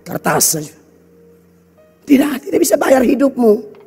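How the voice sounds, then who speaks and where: A man preaching in a Kupang accent, his voice unusually high and husky. He scolds bluntly and drops into local slang. The sermon rings through a reverberant church hall over faint background music. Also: big pitch swings, unhurried, a little mellow. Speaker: pastor.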